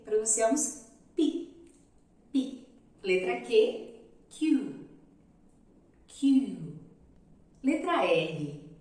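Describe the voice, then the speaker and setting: A young Brazilian woman teaching English pronunciation, carefully repeating each sound slowly to demonstrate it. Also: medium pitch, recorded from a distance. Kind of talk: pronunciation lesson. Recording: very echoey room, voice off-mic.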